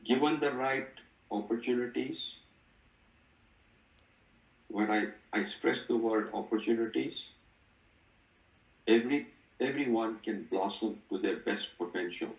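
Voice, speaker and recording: A man's voice: on the low side, measured pace, pauses often. A man presses his questions in a discussion, insistent and repeating himself. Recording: echoey room, distant mic.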